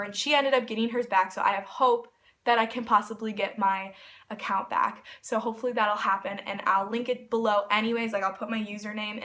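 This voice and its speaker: A woman telling a story in a casual vlog, rambling and excitable, with lots of "like" fillers. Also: medium pitch. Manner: rambling, excitable, heavy use of "like". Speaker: vlogger.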